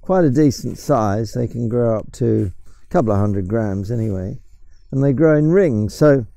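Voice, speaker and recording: With lively intonation and a moderate pace, an older English mushroom forager guide casually describes plants and mushrooms while strolling outdoors in the woods, restarting hesitantly at times. His mid-range voice is mellow with some vocal fry, and there's no echo.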